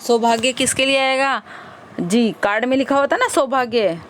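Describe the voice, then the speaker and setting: A woman with a slightly high voice leads an exam-prep grammar lesson. She reads each question and repeats its options aloud, patiently and steadily. A faint hiss of background noise runs under her voice. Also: normal speed, fairly bright tone. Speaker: teacher.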